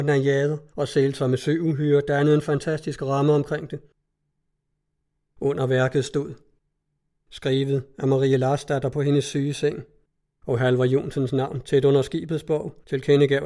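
Mellow-voiced male audiobook narrator. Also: mid-range voice. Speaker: audiobook reader. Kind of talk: scripted literary narration.

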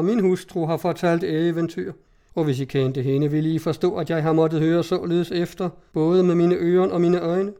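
A man voicing a fawning hunchbacked male jester who flatters in ornate, servile phrases. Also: fairly high pitch, close to an everyday voice.

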